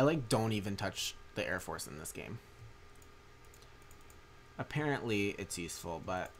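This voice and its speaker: A man's voice: on the low side, slight background noise. A young man livestreaming a strategy game, chatting in a rambling way with many fillers and restarts while reading chat. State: tired from a long day. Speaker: streamer and mod maker. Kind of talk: casual livestream commentary.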